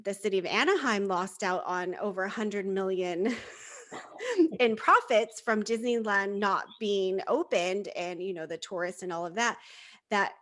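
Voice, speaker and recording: A woman co-hosting a casual fan podcast, chatting and telling stories with animated quoted voices. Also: mid-range voice, unhurried. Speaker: podcast co-host. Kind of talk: casual chat.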